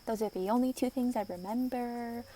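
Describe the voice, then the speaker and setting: A woman's voice: on the high side, moderate pace, dark tone, slight background noise. A woman streaming a building game, chatting playfully and slipping into mock-dramatic outbursts. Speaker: vtuber streamer. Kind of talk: casual gameplay commentary.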